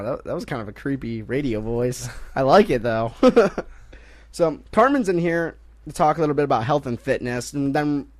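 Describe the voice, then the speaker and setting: A young man hosting a casual sports talk radio show, joking and rambling between topics and quick to laugh. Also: medium pitch. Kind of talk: casual college radio banter.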